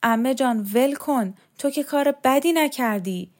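A woman's voice: fairly high pitch, lively intonation, voice pushed up. A woman doing a tense, curt young man.

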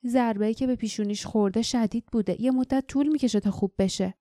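A woman's voice: on the high side, mellow, no echo, clean studio sound, natural voice. A woman doing a restless, fiery young woman. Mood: worried. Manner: quick and agitated. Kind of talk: audiobook character voice.

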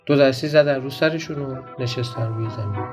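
A man reading a children's folk tale aloud in a lively way, now and then asking the listeners questions. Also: mid-range voice, loud music behind the voice. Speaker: storyteller. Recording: dull lo-fi recording.

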